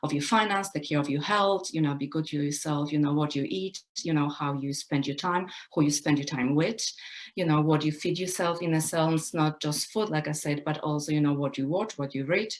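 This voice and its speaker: A woman's voice: sits low, brisk. A woman from Poland, a personal development coach, talking reflectively in an interview with many "you know" fillers. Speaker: guest coach. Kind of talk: casual interview talk.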